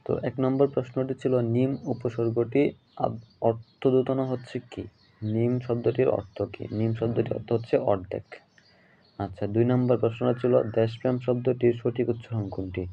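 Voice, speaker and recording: Man, teacher, middle-pitched, exam question walkthrough, repeats every answer, slightly muffled lo-fi sound. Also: fairly even intonation, brisk, creaky, a little hiss or hum. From Bangladesh. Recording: slightly dull lo-fi audio.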